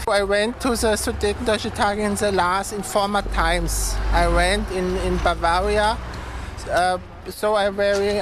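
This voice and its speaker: A man speaks slowly in a high, light voice, halting and searching for his words in English. He is recorded outdoors on a busy city street, with clear traffic noise behind him. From Germany. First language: German. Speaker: march participant. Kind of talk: street interview.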